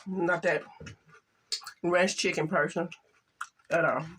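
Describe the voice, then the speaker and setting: An older woman chatting casually to camera while eating, halting and soft-spoken, with some stutters. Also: on the low side, steady tone, slight background noise. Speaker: mukbang vlogger.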